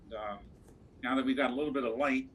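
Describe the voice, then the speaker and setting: Guy at a tabletop game, lots of uh and um, mid-pitched voice. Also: fairly even intonation, quick pace, a little hiss or hum. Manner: hesitant, many fillers. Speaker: player. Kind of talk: tabletop game play, casual chat.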